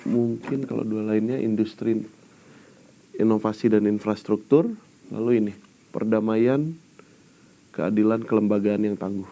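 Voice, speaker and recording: A man in his twenties giving measured, hesitant interview answers about his NGO work. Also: fairly low pitch, fairly even intonation, warm tone, low-quality recording. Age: 20s. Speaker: NGO worker.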